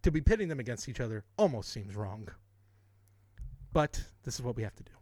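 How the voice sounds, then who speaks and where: A man's voice: medium pitch, sing-song, a little fast, darkish tone, no room sound. A man co-hosting a podcast in casual chat, rambling and correcting himself as he goes, often laughing. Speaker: podcast co-host.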